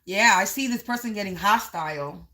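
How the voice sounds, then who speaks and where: A woman's voice: mid-range voice, moderate pace, bright, forceful tone. A woman giving a live psychic reading, narrating visions as they come to her, repeating phrases and stretching out key words for emphasis. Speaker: psychic reader.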